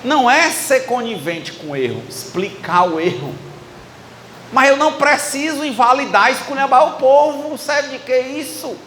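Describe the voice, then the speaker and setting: A man's voice: very high voice, animated, moderate pace, pushed and bright, slight background noise. A man in his thirties with a Ceará accent, preaching in a chatty way and acting out little dialogues with the congregation. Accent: Ceará, Brazil. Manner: conversational, acting out dialogue with the audience. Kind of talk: sermon. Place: church hall with live audience. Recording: echoey hall with faint ambience.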